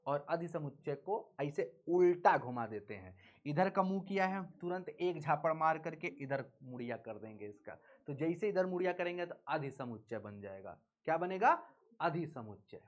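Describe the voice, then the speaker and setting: A man's voice: on the high side, lively intonation, normal speed. A male teacher, leading a live online class in a playful, teasing way and drilling students with call-and-response chanting.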